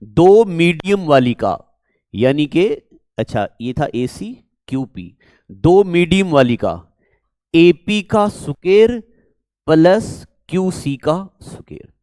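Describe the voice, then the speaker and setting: A man's voice: a little high, expressive, slow pace, darkish tone, dry recording. A man from Jammu and Kashmir with a Kashmiri accent, teaching a maths lesson and repeatedly quizzing his viewers. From Jammu and Kashmir, India. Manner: repetitive, coaxing, quizzes the viewers. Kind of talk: classroom math lecture.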